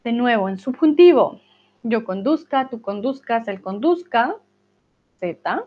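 A woman's voice: a little high, expressive, a little slow. A woman teaching a live online grammar lesson, patiently drilling verb conjugations aloud and reassuring her students. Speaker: Spanish teacher. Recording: slightly dull lo-fi sound.

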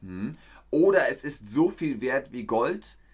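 A man teaching a livestreamed German lesson, explaining words slowly and reading out viewer comments. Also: mid-range voice, very animated, a little mellow, slightly rough.

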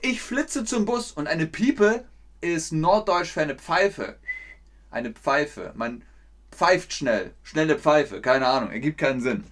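A man with a northern German accent teaches a language lesson to a live online audience. He talks at an unhurried, slow pace in a somewhat raised voice. He acts out the insults playfully, with sudden loud bursts. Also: a little high, animated.

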